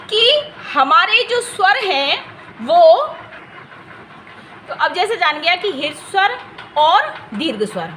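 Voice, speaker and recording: A woman's voice: extremely high pitch, pushed and bright, a little hiss or hum. A woman teaching a Hindi grammar lesson for exam preparation, explaining patiently, repeating key terms and often checking that students have understood. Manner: stretches vowels to demonstrate length.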